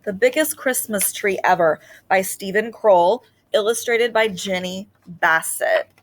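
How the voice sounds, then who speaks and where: A children's picture book is read aloud by a woman with a mid-range voice who takes her time and tells the story expressively.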